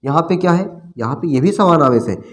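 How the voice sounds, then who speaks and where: A man's voice: on the high side, lively intonation, a little fast. A man teaching a physics lesson in a casual classroom manner, asking questions and answering them himself, repeating the key terms, and calling his students brother. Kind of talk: classroom lecture.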